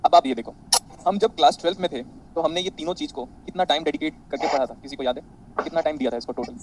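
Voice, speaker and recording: A man teaching an online physics class, animated and boastful, quizzing his students constantly. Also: fairly high pitch, quick pace, slight background noise, low-quality recording.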